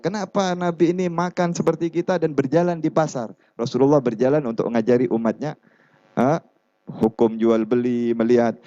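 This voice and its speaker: A man preaching a sermon, telling stories in an animated way and shifting between voices, on a dull lo-fi recording. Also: high-pitched. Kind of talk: sermon storytelling.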